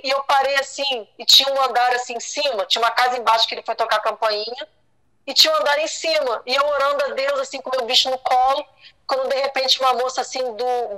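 High bright woman, middle aged, retelling a scary story, lots of restarts and repeats. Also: poor audio. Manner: distressed, repeats and restarts, quotes others. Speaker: guest telling her story. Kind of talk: emotional personal storytelling.

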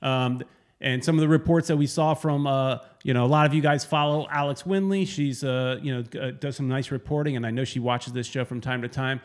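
A man co-hosting a casual sports podcast, rambling and correcting himself as he talks, with sudden animated bursts. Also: mid-range voice, a little fast. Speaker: podcast co-host.

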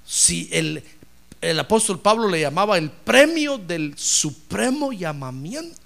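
Pastor guy preaching hard, gravelly voice, pitch swings all over. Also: very animated, a little slow, a bit bright. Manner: impassioned preaching, repeatedly addressing listeners as brother. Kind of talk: sermon.

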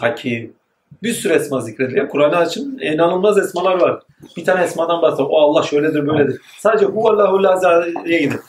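Man preaching in an echoey room. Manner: rises emphatically, then drops to a low aside. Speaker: religious teacher. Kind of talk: spoken religious lecture. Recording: echoey room with faint noise.

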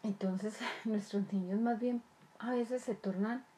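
Earnest woman, mellow voice. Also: mid-range voice, fairly even intonation, slow, a little hiss or hum. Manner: repetitive, earnest, rhetorical questions. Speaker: child development speaker. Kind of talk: explanatory talk to parents.

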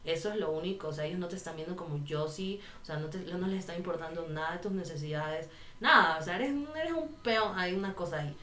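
Lively low-voiced woman telling a story. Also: fast talker, a little hiss or hum. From Ecuador. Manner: lively storyteller who acts out quoted voices. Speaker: podcast guest. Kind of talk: casual chat. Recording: roomy echo.

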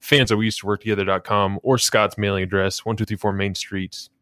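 A man's voice: on the low side, little pitch movement, a little fast, a bit bright, dry recording. Dry-joking male podcast co-host. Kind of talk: casual chat.

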